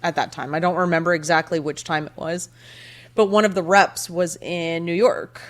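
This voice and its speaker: A woman's voice: fairly low pitch, steady tone, moderate pace. A woman from Texas co-hosting a casual podcast chat, speaking frankly with a wry edge. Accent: slight Texas drawl when tired. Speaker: podcast co-host.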